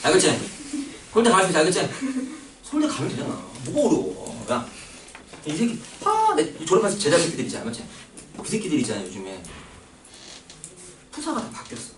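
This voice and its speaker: A man lectures a class with a slightly high, wildly swinging voice, teasing and swearing casually as he checks whether the students are following. He is picked up from across a reverberant room. A steady noise hangs under the whole recording. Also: a little fast, pauses often, far from the mic. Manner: joking, coarse slang, keeps asking for agreement. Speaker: math teacher.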